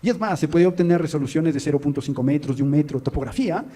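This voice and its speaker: A man's voice: fairly high pitch, fast talker, dark tone. Man giving a technical lecture. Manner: explanatory, addresses listeners directly, frequent "¿no?" tags. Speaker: researcher presenting a talk. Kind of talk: technical presentation to an audience.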